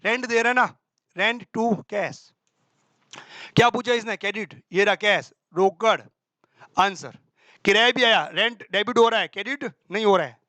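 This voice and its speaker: Guy teaching accounting mcqs, really high bright voice, dry close sound, quizzes himself out loud. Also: no room sound. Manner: quizzes himself aloud, answering in a student's voice; brisk and colloquial, with homely examples. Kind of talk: exam-prep accounting class.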